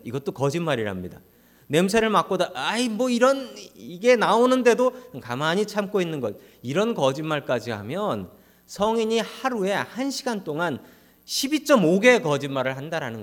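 A male pastor delivers a Sunday sermon laced with jokes, his fairly high voice rising and falling in wide swings. He speaks straight to his congregation and acts out the people he quotes in playful voices. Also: very animated, fairly quick. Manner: appeals to congregation directly.

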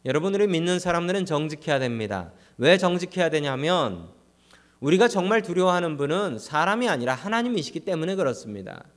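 A male pastor delivers a Sunday sermon laced with jokes, his fairly high voice rising and falling in wide swings. He speaks straight to his congregation and acts out the people he quotes in playful voices. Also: big pitch swings, a little fast. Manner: appeals to congregation directly.

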